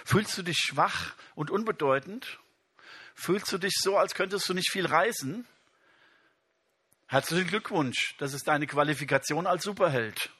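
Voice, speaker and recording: A man delivering a sermon, his voice somewhat high and strikingly bright. There is a breathy, husky edge to his tone, and the room sounds dry and close. He turns often to his listeners and reads scripture with emphasis. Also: unhurried. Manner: addresses the congregation directly, reads scripture aloud with emphasis. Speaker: preacher.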